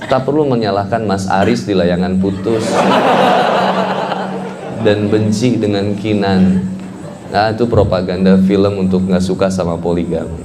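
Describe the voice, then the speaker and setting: A man's voice: deep voice, measured pace, long pauses. A man preaching with humorous storytelling and a tinge, often laughing as he jokes. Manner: joking, animated, laughing often. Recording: noisy live gathering.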